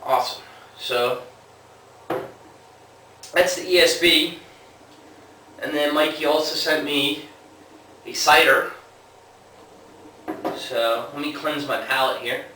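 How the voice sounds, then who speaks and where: A man casually reviewing a homebrew in a relaxed, unhurried way with plenty of fillers, recorded on a camera at a distance. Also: on the high side, background noise. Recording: echoey room, mic at a distance.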